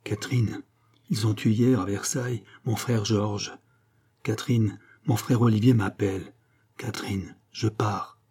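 A man's voice: on the low side, fairly even intonation, a little slow, darkish tone, breathy edge. A man reading an audiobook who voices a young nobleman, earnest and solemn, torn between love and duty. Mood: grave.

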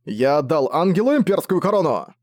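A man's voice: fairly high pitch, sing-song, fairly quick, a little mellow, no echo, studio quality, pitched above the performer's own voice. A man voicing a cocky young male mage in an audiobook, talking cheeky and urgent.

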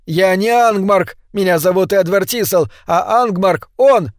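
A man's voice: high voice, lively intonation, normal speed, dry recording, studio quality, pitched above the performer's own voice. A man voicing a desperate, broken male prisoner who pleads in a strained voice.

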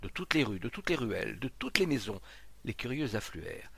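A man reading a literary short story aloud, expressive, with occasional hesitations. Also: on the low side, moderate pace, vocal fry, slightly rough, dry recording. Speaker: reader.

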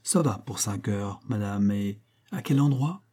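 A man voicing a calm, scheming young female maid, politely deferential and matter-of-fact. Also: fairly low pitch, a little slow. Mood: assured.

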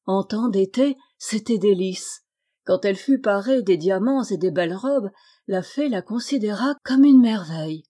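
A woman's voice: medium pitch, lively intonation, normal speed, dark tone. French woman reading a fairy tale. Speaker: storyteller.

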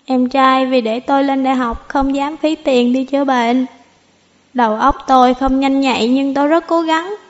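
A woman's voice: high voice, fairly even intonation, normal speed, big-room sound, natural voice. A woman voicing a drunk heartbroken young woman. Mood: drunk, tearful. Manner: slurred, tearful rambling. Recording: slightly dull audio, faint music.

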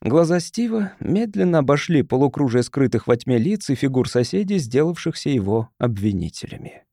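A man giving an expressive, dramatic audiobook narration. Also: medium pitch, normal speed, no echo, studio quality.

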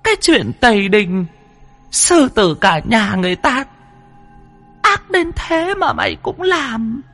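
A shrill, nagging village wife , put on by a male narrator, in a high falsetto that swoops widely. She scolds and fusses in this spoken ghost story. Soft music plays underneath. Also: very animated, slow, full character voice. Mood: fearful reproach.

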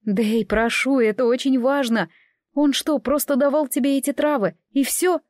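A young woman speaks as a protective older sister, firm and worried, as a female storyteller voices her. The pitch is moderately high and the sound is dry and close. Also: fairly even intonation, normal speed, darkish tone, dry recording, natural voice.

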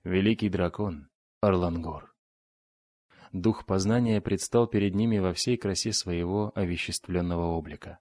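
Male audiobook narrator; low-set voice, dry close-mic studio sound, steady and dramatic. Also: normal speed, no room sound. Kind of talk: scripted narration.

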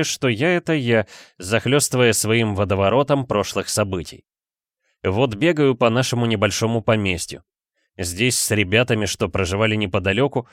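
A man narrates a first-person adventure in a steady storytelling voice of middling pitch. The recording is close and completely dry, with no room sound. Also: no echo. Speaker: audiobook narrator.

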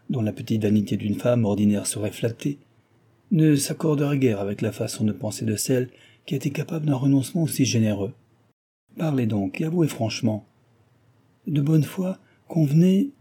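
A man's voice: medium pitch, mellow, husky, voice pushed up, close to an everyday voice. A man reading aloud and voicing a stern, dignified older noblewoman who argues earnestly and persuasively.

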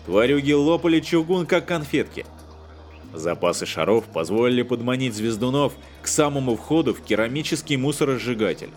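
A man's voice: medium pitch, expressive, a little fast, soft background music. A man narrating an audiobook with wry, scripted storytelling.

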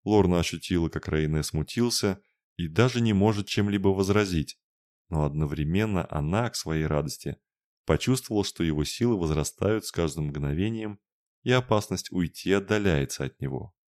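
Низкий мужской голос чтеца. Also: male voice, low voice, moderate pace, a little mellow, no room sound, studio quality. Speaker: audiobook reader. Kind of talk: audiobook narration.

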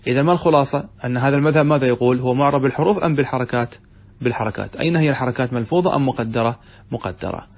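A man's voice: medium pitch, racing, creaky, darkish tone, husky, highs cut off. A man teaching Arabic grammar in a lesson, reading a classical text aloud and explaining it by asking questions and answering them himself.

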